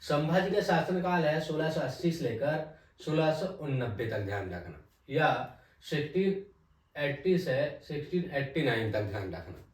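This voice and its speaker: Guy teaching history for exams, keeps repeating stuff and trailing off low, roomy echo, sounds a bit far from the mic. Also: big pitch swings. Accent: Hindi. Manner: repeats key names, tag "ध्यान रखना" often drops low and soft; asks the class quick check questions. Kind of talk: exam-prep history lesson. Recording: echoey room, mic at a distance.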